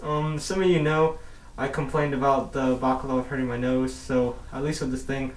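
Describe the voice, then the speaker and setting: In this casual gear-review vlog, a young man talks through an airsoft mask indoors, muffled by the mask and balaclava he's wearing, with some rambling and mild cursing. He has a mid-range voice, fairly even intonation and a moderate pace, picked up by a distant camera in a roomy space.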